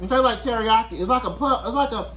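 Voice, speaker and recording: A woman's voice: a little high, quick pace, fairly bright tone, a little hiss or hum. A woman chatting casually through a snack taste test, talking while she chews and plainly describing the flavors. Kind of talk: casual tasting chat.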